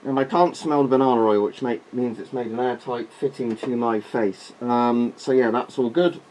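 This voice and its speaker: A man's voice: medium pitch, fairly even intonation, moderate pace, darkish tone. A man's voice comes muffled from inside a gas mask as he reviews gear. He speaks as a reviewer giving an informal demonstration. There is faint noise in the recording. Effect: voice muffled through a gas mask.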